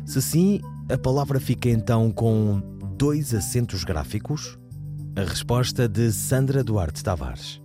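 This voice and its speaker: A man working as a radio announcer gives crisp, formal, scripted introductions. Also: mid-range voice, animated, measured pace, over music.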